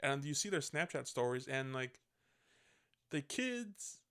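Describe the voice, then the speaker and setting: Podcast host, male, gravelly edge, loose rambling recap style with casual swearing. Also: medium pitch, very animated, measured pace, a bit bright. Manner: rambling, swears freely, self-correcting. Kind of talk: casual movie review chat.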